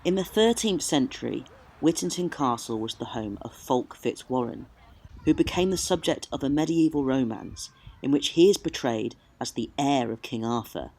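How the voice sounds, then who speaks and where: In a low-quality outdoor recording from the countryside, a male travel vlogger tells stories theatrically, partly narrating and partly talking on location. His mid-range voice is husky and darkish, with lively intonation and a normal speed.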